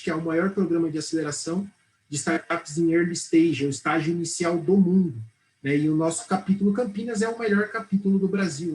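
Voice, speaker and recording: A man's voice: a little high, poor audio. A middle-aged Brazilian man, a startup accelerator head, explaining fluently in a TV studio interview, tagging his sentences with "né" and "tá". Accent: Brazilian Portuguese. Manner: fluent, explanatory, frequent "né" and "tá" tags.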